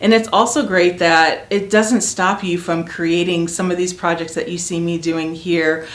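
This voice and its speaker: A woman's voice: lowish voice, fairly even intonation, unhurried, echoey room. A woman hosting a home DIY vlog, talking casually and chattily straight to her viewers as she explains things. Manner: chatty, addresses viewers directly. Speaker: DIY home makeover channel host.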